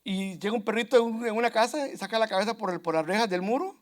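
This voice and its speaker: A man's voice: high-pitched, quick pace. A man preaching a sermon to his congregation in an earnest, repetitive way, often calling out to his brothers and sisters. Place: church.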